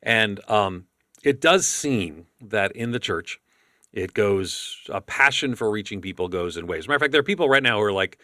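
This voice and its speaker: Man, podcast host, casual chat, bright voice, dry close sound, rambling restarts. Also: fairly low pitch, lively intonation, no room sound. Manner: chatty, quick and rambling with many restarts.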